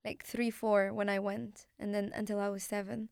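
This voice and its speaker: A woman's voice: mid-range voice, level tone, moderate pace, creaky, darkish tone, smooth, dry recording, studio quality. A woman from Morocco, a native Arabic speaker, hosting and asking long, reflective questions. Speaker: podcast host. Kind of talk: interview.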